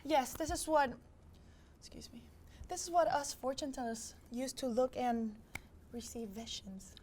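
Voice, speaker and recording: Young woman playing a high-voiced fortune teller. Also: normal speed, slight background noise, lightly acted. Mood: mystical, instructive. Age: young adult. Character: mystical madame fortune teller explaining her craft. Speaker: fortune teller, studio guest. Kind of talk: comedy talk show demonstration. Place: TV studio set.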